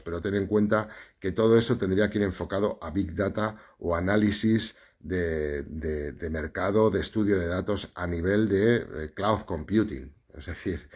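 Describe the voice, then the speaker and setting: Spanish guy teaching journalism on a live stream, deep husky voice, chatty, keeps tacking on "right?". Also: darkish tone. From Spain. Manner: conversational, explanatory, many fillers and tag questions.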